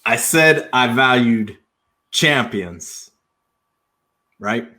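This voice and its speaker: Bright-toned man with dry teasing replies. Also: mid-range voice, animated, extremely slow. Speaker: podcast co-host. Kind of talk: casual sports debate chat.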